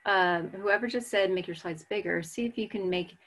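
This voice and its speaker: An American webinar presenter in her forties chats casually on a video call while waiting to start, reading out audience answers. Picked up by her webcam, her voice is medium-pitched, a bit bright, at a normal speed.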